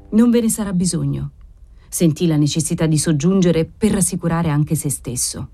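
Audiobook narrator, woman, low mellow voice, measured and even. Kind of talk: scripted narration of a novel.

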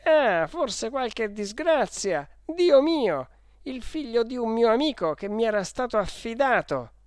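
Storybook part: reader plays a hot-tempered middle-aged salesman, shrill when yelling, dry close mic. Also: big pitch swings, slow, smooth, no room sound. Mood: alarmed. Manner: shouting, exasperated outbursts. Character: irritable middle-aged male traveling salesman. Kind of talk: audiobook character voice.

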